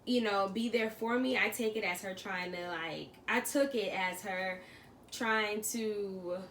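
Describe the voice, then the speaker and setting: A woman co-hosting a casual vlog chat, telling her own story in an animated way and laughing often. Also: mid-range voice, measured pace, roomy sound, recorded from a distance, a little hiss or hum. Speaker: co-host of a couple's vlog.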